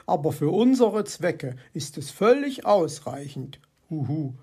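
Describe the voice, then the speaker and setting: A woman's voice: sits low, big pitch swings, measured pace, warm tone, full character voice. A woman voicing a playful little ghost who hoots between phrases in a storybook reading. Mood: teasing.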